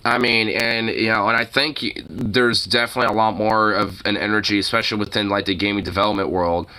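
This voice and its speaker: A man giving casual, off-the-cuff streamer commentary, rambling and halting, with plenty of loose swearing. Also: on the low side, steady tone, bright, forceful tone, poor audio.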